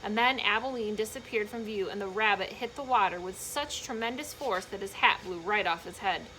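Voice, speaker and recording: Reading fairly quickly, a woman with a mid-range voice performs a children's book with emphatic, expressive storytelling and brief asides explaining things to young listeners. The audio is rough, with a slight hiss or hum.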